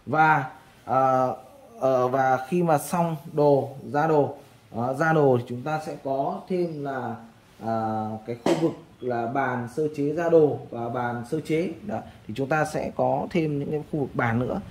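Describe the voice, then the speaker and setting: A man's voice: medium pitch, measured pace. A man, an architect, casually walking viewers through a floor plan as he sketches, talking in loose chatty bursts full of fillers. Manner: chatty, many fillers and repeated "đó". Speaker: architect explaining a design. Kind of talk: casual explanatory walkthrough while drawing.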